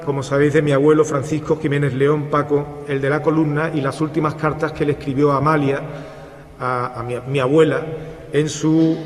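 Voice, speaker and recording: A man speaks slightly high, giving an earnest, halting speech at a book presentation and restarting phrases as he goes. His voice carries through a PA into a long-reverb cultural centre hall. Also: darkish tone. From Seville, Spain. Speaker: book author.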